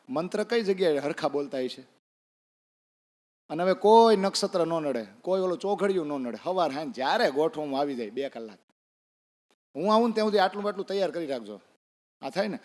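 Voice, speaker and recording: A preacher with a slightly high, darkish male voice recounts a devotional story during a sermon, voicing the characters and putting questions to his listeners. He speaks in a temple hall, and the recording carries that space's long reverb.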